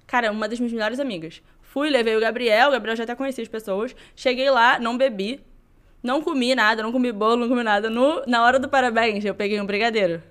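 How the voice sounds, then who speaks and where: A woman's voice: a little high, steady tone, quick pace, fairly bright tone. A young woman, a podcast guest telling a story animatedly and acting out other people's lines. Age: young adult. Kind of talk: casual storytelling.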